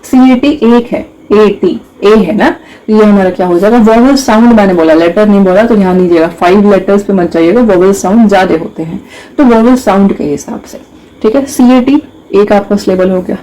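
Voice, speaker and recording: A woman's voice: medium pitch, fairly quick, dark tone, poor audio. A young woman teaching an English grammar lesson, mixing Hindi and English, explaining step by step and asking her students rhetorical questions.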